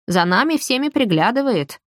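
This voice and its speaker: A woman's voice: fairly high pitch, big pitch swings, moderate pace, no room sound, voice pushed up. A nervous, fidgety old nobleman, as a woman narrator voices him, dragging his words out in a folksy, flustered way. The reading is close and dry, with an audiobook's feel.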